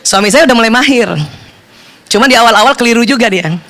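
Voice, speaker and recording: A middle-aged woman giving a playful, animated seminar talk on marriage, speaking straight to her audience in a hall. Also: fairly high pitch, quick pace. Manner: playful, animated storytelling that addresses the audience directly.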